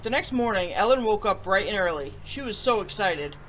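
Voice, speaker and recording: Speaking a little fast, an expressive woman with a mid-range, fairly bright voice hosts a children's story-time show, reading picture books and reviewing them with theatrical enthusiasm. The recording is low quality, with slight background noise.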